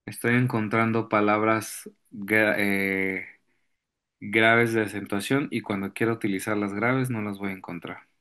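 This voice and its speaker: Slow, deliberate male teacher. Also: lowish voice, fairly even intonation, a bit bright. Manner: slow, searching for examples, frequent throat clearing and fillers. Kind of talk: virtual class lesson.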